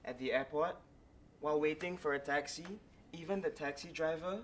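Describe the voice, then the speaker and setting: An actor playing a bitter, sarcastic husband in a stage play, speaking with biting mockery. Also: male voice, a little high, normal speed, a little hiss or hum, lightly acted. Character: bitter husband in mixed marriage, sardonic. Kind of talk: stage acting.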